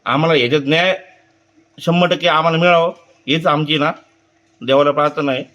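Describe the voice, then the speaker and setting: A man telling a news reporter about an attack on his friend, halting and repeating words. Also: on the high side, fairly even intonation, a bit bright, lo-fi sound. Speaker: friend of victim, interviewee. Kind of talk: news interview statement.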